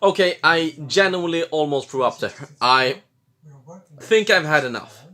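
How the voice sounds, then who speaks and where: A drunk man from Sweden, giving rambling, halting and blurting casual commentary as he reacts to a film. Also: a little high, expressive, pushed and bright. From Jämtland, Sweden. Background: film soundtrack, faint music.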